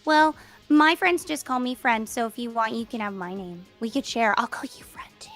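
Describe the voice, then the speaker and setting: Bubbly beetle sprite, high and lively, voiced by a woman. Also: moderate pace, faint music behind. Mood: friendly, eager. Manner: eager, bubbly. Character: cheerful female imaginary-friend beetle creature.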